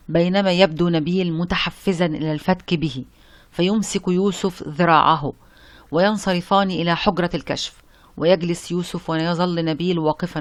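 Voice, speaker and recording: Measured formal audiobook narrator. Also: mid-range voice, no room sound.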